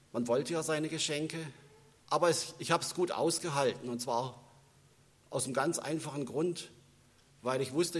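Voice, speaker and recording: A man with a mid-range, slightly rough voice delivers an Advent sermon in a church, speaking conversationally and sharing personal stories. His German accent carries a northern standard touch, and the recording has a long church reverb.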